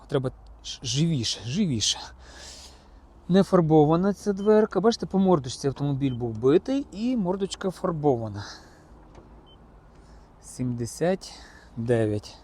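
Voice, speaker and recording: Checking out used cars at an outdoor car market, a man with a fairly high but dark-toned voice keeps up a casual conversation with his viewers, speaking to them directly as though they were friends.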